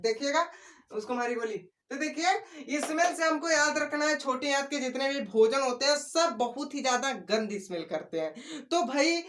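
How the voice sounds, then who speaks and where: High-voiced joking male teacher. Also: fairly bright tone. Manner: playful, joking, repeats key words. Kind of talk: exam-prep video lesson.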